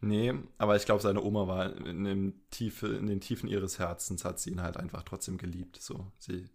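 Chatty low-voiced man hosting. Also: little pitch movement, normal speed. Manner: chatty, explains at length with fillers. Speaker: podcast host. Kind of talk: casual chat.

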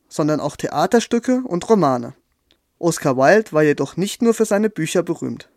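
A man telling a fairy tale in a gentle, measured storytelling manner. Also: a little high, no room sound, studio quality. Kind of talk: scripted storytelling.

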